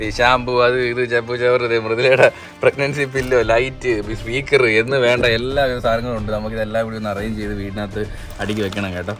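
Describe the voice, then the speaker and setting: A man's voice: mid-range voice, flat delivery, fast, fairly bright tone, faint music behind. A man, chatting to viewers in a casual home vlog. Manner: chatty, addresses viewers as guys. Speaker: family vlogger.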